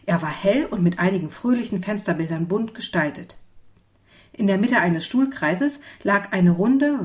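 Woman, storybook narrator, calm, gentle, medium pitch. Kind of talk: children's storybook reading.

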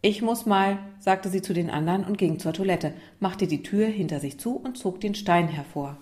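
Brief: woman narrator, children's story, calm, slightly low voice. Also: normal speed.

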